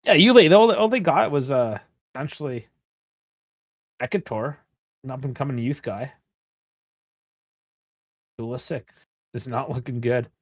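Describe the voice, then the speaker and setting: With a mid-range voice at a measured pace and frequent pauses, a Canadian man in his thirties is recorded with no echo. He co-hosts a soccer watchalong, casually rambling about the game, often laughing and swearing.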